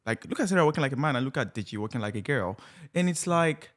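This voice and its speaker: A man's voice: mid-range voice, expressive. A young adult man from Nigeria, co-hosting a podcast in a playful, teasing way. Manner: playful and teasing, quick to laugh. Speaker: podcast co-host. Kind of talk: casual chat.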